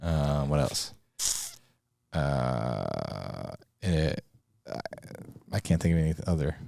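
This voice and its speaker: A man co-hosting a casual podcast chat, joking and laughing often, breaking into loud bursts. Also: rumbling low, sing-song, slow, vocal fry, no echo, clean studio sound. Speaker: podcast co-host.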